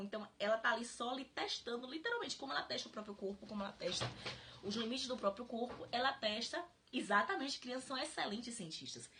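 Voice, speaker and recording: A woman hosting a live-stream book club, explaining in an animated way and laughing often. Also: on the high side. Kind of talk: casual live-stream talk.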